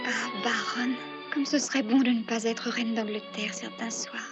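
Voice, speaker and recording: High-voiced, spirited young queen played by an actress. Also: fairly even intonation, normal speed, lightly acted. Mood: dreamy, tipsy. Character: young Queen of England, spirited, coy and girlish. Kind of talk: dubbed period romantic film dialogue. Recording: muffled old film soundtrack, music behind.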